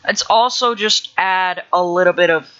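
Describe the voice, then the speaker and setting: A man's voice: sits high, normal speed, bright, forceful tone, smooth, muffled recording. A young man livestreaming as he builds a game level, rambling casually with lots of fillers and restarts. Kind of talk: casual thinking-aloud livestream.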